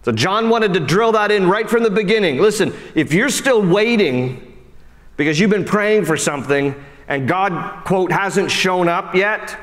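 Preacher guy, kinda high voice, gets lively then goes low and soft, big echoey church. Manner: animated preaching, dropping low and soft for emphasis; acts out quoted voices and speaks straight to listeners. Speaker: pastor. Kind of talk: sermon.

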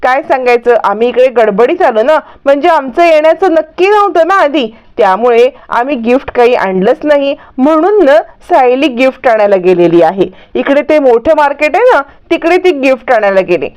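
A woman voicing a flustered older aunt who talks loudly to stall someone. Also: high-pitched, lively intonation, normal speed, few pauses, smooth, lo-fi sound. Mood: chatty. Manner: loud, stalling.

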